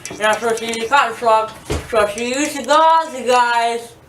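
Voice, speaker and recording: A woman's voice: fairly high pitch, normal speed. A woman rambling casually to camera as a vlogger, groggy and loopy from anesthesia, with a numb, sore mouth. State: numb, sore mouth after dental surgery. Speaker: vlogger giving a makeup tutorial. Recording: roomy, distant mic, faint noise.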